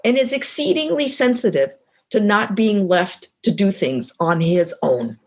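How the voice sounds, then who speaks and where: A middle-aged woman speaking as an interview guest, telling a personal story with lively acted-out dialogue. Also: medium pitch, unhurried. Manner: animated storyteller, acts out quoted dialogue. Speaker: guest, co-author and professor.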